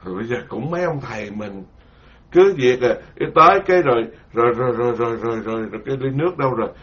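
A man's voice: medium pitch, expressive, fast talker, fairly bright tone. A man giving a sermon as a Buddhist monk, colloquial and self-mocking. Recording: dull lo-fi sound.

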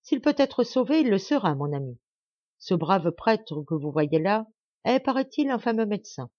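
A woman voicing grave male army officers in an audiobook, speaking earnestly and measured. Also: mid-range voice, big pitch swings, warm tone, no echo, lo-fi sound. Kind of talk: audiobook character voice.

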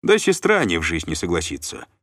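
A man's voice: deep voice, huge pitch swings, fairly quick, fairly bright tone, dry recording, studio quality, exaggerated voice. A man voicing a plump, sly and jovial noble uncle who banters and bargains. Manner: chatty, bantering, scheming.

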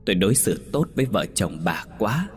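A man's voice: on the low side, very animated, fairly quick. A man voicing the vengeful ghost of a wronged wife in a ghost story. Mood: menacing.

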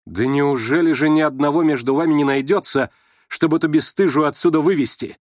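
A man's voice: on the high side, brisk, no echo, studio quality, voice pushed up, lightly acted. A man doing a furious, indignant young woman. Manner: indignant, shouting. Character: angry, trembling young woman defending her family.

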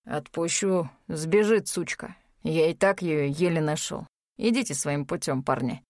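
A woman reading an audiobook voices a cold, sneering male criminal who mutters low threats. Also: measured pace, darkish tone, dry recording, clean studio sound. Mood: menacing.

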